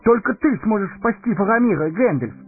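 A shrill, frantic little hobbit, high and squeaky, pleading in breathless bursts. The storybook recording has a narrow, phone-like band with faint music underneath. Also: male voice, animated, a little fast, husky, exaggerated voice. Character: excitable young male hobbit, small and anxious. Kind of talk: audiobook character voice.

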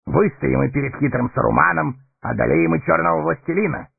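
A man voicing a proud, blunt male horse-lord captain in a gruff, gravelly, husky audiobook character voice. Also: a little high, a little fast, pitched above the performer's own voice, full character voice. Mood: earnest. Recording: tinny narrow-band recording, faint music.

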